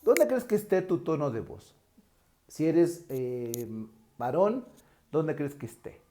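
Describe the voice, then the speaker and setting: A Mexican man with a tenor voice teaching an online lesson, acting out pitch examples as he goes. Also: very animated, slow pace, mellow, slight background noise. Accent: Mexican Spanish. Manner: demonstrative, shifts pitch to show examples. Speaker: teacher trainer.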